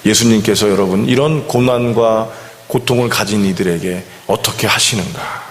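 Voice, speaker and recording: A man's voice: fairly low pitch, moderate pace, a little hiss or hum. A male pastor preaching a sermon in a conversational way, often putting questions to the congregation. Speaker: senior pastor. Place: church sanctuary. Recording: long church hall reverb.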